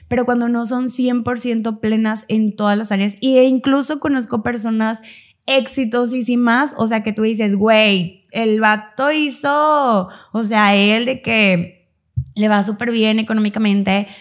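A young woman with a fairly high voice muses in relaxed podcast conversation. She speaks quickly and reflectively and drops in slangy asides. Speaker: podcast co-host. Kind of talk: casual chat.

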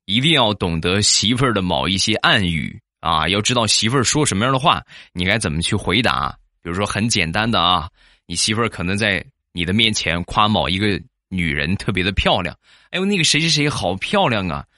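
A man telling funny stories about married life, acting out the quoted people in sudden high bursts. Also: expressive, brisk, bright, forceful tone, no echo, clean studio sound. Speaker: joke-telling host. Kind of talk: comic storytelling.

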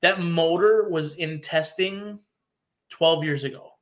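A man's voice: on the high side, slow pace, fairly bright tone. A man from Wisconsin, a guest on a casual podcast chat, explaining things in earnest detail with many restarts.

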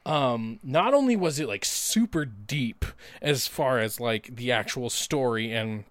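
A young adult man co-hosting a casual podcast chat, animated and swearing, with loud bursts of laughter. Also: medium pitch, measured pace, no echo. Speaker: podcast co-host.

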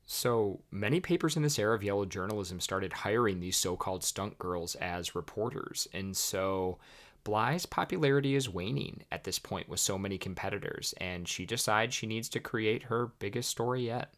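Man, podcast host, casual history storytelling, chatty, wry asides, low voice. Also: animated, moderate pace, fairly bright tone.

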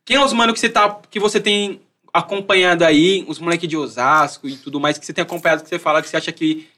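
A man's voice: a little high, fairly even intonation, fast, bright, forceful tone. A man with a São Paulo accent hosting a casual interview in heavy urban street slang. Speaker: host and journalist.

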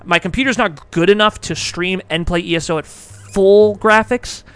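A man's voice: high voice, normal speed, a bit bright, clean tone. A young man hosting a podcast in casual chat, rambling, laughing often and swearing casually. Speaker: podcast host.

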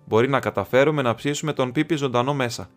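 A man's voice: mid-range voice, soft background music, natural voice. A man reading an audiobook, voicing a frightened, desperate young male hobbit who cries out in agitation. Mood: doubtful. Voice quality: agitated, crying out.

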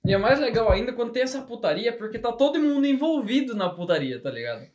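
A man who runs the tabletop game, talking in fast, slangy, enthusiastic casual chat. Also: very high voice, very animated, a little mellow, reverberant, slight background noise. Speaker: game master.

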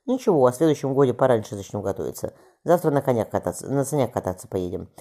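A man voicing a lively noblewoman who briskly orders servants and children. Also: mid-range voice. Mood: cheerful. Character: lively noblewoman mother of many.

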